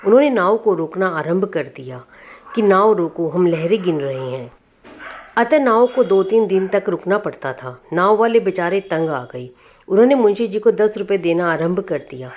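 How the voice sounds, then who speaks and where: A woman narrating a short folk tale to her listeners in a calm, even storytelling manner. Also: medium pitch, moderate pace, slight background noise.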